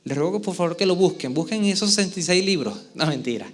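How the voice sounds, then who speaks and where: A man preaching a sermon as pastor to a church congregation, with expressive delivery and frequent questions to the listeners. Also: sits high, quick pace. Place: church service before a congregation.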